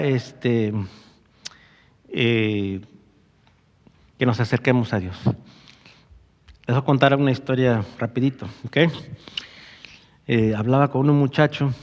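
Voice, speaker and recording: A man's voice: mid-range voice, a little mellow. A male pastor preaching a sermon, who moves between conversational storytelling and rising, emphatic passages. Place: church sanctuary. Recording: dull sound with long church reverb.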